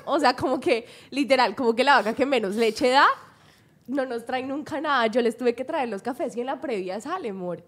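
High-voiced joking woman podcast host. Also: moderate pace. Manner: joking, dramatic and self-mocking. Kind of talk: casual podcast chat.

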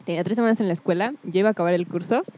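A woman's voice: lowish voice, rapid-fire. A woman from Mexico, telling a childhood story in a casual podcast chat and acting out the voices in it. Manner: animated storyteller, acts out voices in her anecdotes. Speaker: podcast co-host. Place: indoor studio, table mics.

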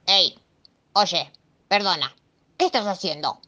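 A woman voicing a greedy, stubborn male monster in a storybook, with a Rioplatense accent, munching and chomping. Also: pushed and bright. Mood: low, glum. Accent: Rioplatense Spanish. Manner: munching, stubborn, slow in the low lines. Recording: dull lo-fi recording.

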